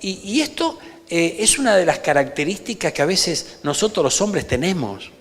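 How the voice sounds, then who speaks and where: In a church sanctuary, a pastor with an Argentine Rioplatense Spanish accent preaches emphatically, frequently calling for amens. His high, slightly bright voice swings widely in pitch at a moderate pace, and the hall is reverberant.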